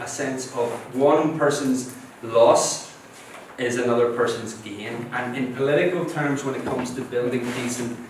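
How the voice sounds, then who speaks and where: A man gives a university lecture, explaining step by step and checking in with his listeners. His voice sits at an ordinary middle pitch. It booms around a large, very reverberant hall, heard from a distance over faint ambience. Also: a little hiss or hum. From Northern Ireland. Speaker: guest lecturer.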